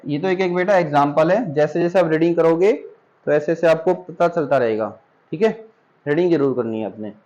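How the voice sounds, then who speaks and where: A man's voice: a little high, fairly quick, a little mellow, highs cut off. A middle-aged man from India teaching a spoken English class, patiently stretching out example words and calling his students "beta".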